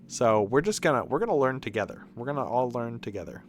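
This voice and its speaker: On a game livestream, a man chats casually, rambling, interrupting himself, and swearing mildly. His mid-range voice is animated and fast, with slight background noise.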